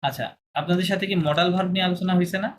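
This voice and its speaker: A man teaching a language class online, repeating examples slowly and checking with his students as he goes. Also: high-pitched, fairly even intonation, poor audio. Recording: video call with clear background noise.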